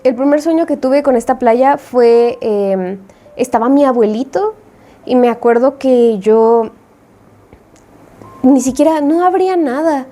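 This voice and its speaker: A young woman with a Mexican accent tells a story in casual slang, acting out her own reactions as she goes. Her voice sits fairly high but sounds soft and mellow. She speaks as an indie game developer talking straight to her viewers. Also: a little slow. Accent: Mexican Spanish.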